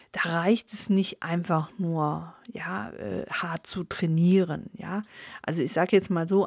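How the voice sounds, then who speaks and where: A middle-aged woman from the Ruhr area speaks with a soft Ruhr German accent in a chatty, motivating coaching tone. Her voice is dry and close, with no room sound around it. She keeps adding little "ja" fillers as she talks. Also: mid-range voice, no room sound. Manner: chatty, filler "ja" after many sentences. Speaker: business coach. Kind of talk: casual motivational talk to camera.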